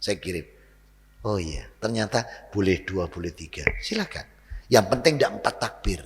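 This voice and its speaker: A man preaching a lively, joking sermon in a mosque, often addressing his listeners directly. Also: on the low side, normal speed. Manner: lively, jokey, animated, addresses audience as Pak. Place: mosque hall. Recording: long hall reverb.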